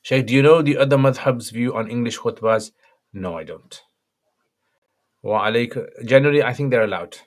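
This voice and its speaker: An Islamic scholar answers livestream viewers' questions after reading them out, keeping his replies brief and matter-of-fact. His voice is mid-range and slightly croaky, at a normal speed.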